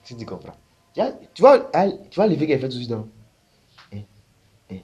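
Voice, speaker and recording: A man's voice: medium pitch, animated, fast, warm tone, slightly rough, highs cut off. A man talking casually as a spiritual teacher, explaining his points with frequent rhetorical questions.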